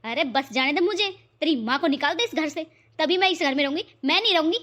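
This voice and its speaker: A woman doing a shrill, hot-tempered young wife. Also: lively intonation, fast talker, fairly bright tone. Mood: angry. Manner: shrill, scolding, sarcastic. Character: harsh scolding young wife, quick-tempered. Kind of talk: cartoon voice acting.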